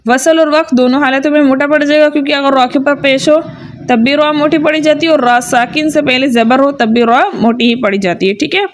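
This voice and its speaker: Woman, tajweed teacher, patient and repetitive, high voice. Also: fairly quick. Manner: patient, repeats each sound twice, checks with "theek hai". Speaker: Quran recitation teacher. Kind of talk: tajweed lesson with drilled letter sounds.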